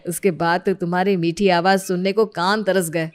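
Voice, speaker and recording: A woman's voice: on the low side, fairly even intonation, normal speed, pitched below the performer's own voice, lightly acted. A woman voicing an impatient young husband in a cartoon story, coaxing at times and exasperated at others. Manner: exasperated, complaining.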